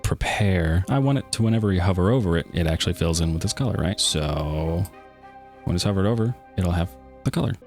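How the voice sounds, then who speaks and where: A man's voice: sits low, animated, a little fast, darkish tone, soft background music. A man casually walking through a game development tutorial, joking and self-deprecating as he works. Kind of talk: casual screen-recorded tutorial.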